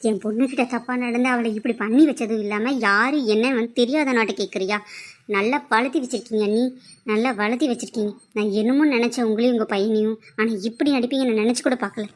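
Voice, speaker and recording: A fierce, protective mother in a cartoon drama, played by a woman. She speaks high and hard, accusing and demanding answers. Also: fairly even intonation, fast, close to an everyday voice. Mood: angry. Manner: accusing, confrontational.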